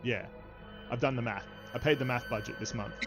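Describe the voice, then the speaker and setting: A man's voice: medium pitch, a little fast, over music. A man acting as dungeon master and stream host, chatting casually and joking with his players and chat. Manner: jokey, playful banter with chat. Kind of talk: casual livestream chat, narrating a tabletop game.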